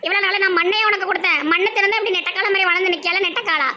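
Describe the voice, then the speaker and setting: Woman, Tirunelveli Tamil accent, fast scolding, bright high voice. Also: a little hiss or hum. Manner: scolding, sharp-tongued. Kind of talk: village comedy sketch.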